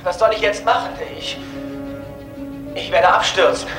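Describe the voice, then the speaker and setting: A man's voice: high-pitched, steady tone, a little slow, echoey room, music in the background. An actor playing a headstrong, desperate teenage boy pilot in a dubbed science fiction drama, speaking with agitation. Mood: panicked. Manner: agitated, emotional.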